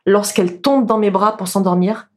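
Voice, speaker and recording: A woman's voice: medium pitch, fairly quick, a little mellow. A woman, a stage hypnotist and podcast guest, explaining her craft earnestly in casual chat, with many fillers and restarts.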